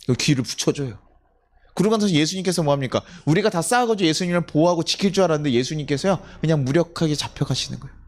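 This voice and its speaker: A male pastor with a fairly high voice, preaching in a church at an evening service. He tells a story with a lot of animation and keeps throwing questions out to the congregation, now and then putting on the voices of the people in it. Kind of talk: sermon. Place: church sanctuary.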